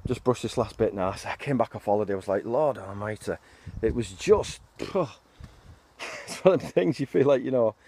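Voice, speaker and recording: A man's voice: mid-range voice, big pitch swings, a little fast, gravelly, dark tone, a little hiss or hum. Chatty, breathless man outdoors. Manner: chatty, rambling, mild swearing. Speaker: allotment vlogger. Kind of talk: casual garden tour vlog. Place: outdoor allotment.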